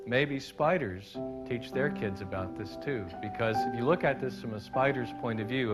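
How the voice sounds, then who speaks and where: A man giving a live storytelling talk on stage, playful at times and reflective at others. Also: lowish voice. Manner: playful, leads the audience in gestures and song; reflective, builds to earnest points. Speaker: storyteller and speaker. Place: stage before a live audience.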